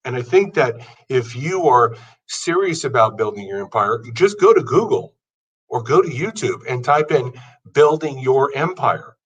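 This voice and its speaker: In a muffled, distantly miked recording, a man in his fifties hosts a podcast, offering an earnest motivational monologue that piles up long lists. He speaks at a normal speed in an expressive, slightly rough mid-range voice.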